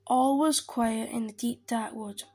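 Slow expressive woman reading a storybook. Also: on the high side, husky. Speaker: storybook reader. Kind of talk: picture book read-aloud.

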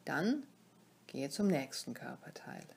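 With a very deep voice, a woman teaches yoga nidra, guiding a meditation in a calm, soothing way. Her short phrases come with pauses, and she sounds soft and breathy, often almost whispering.

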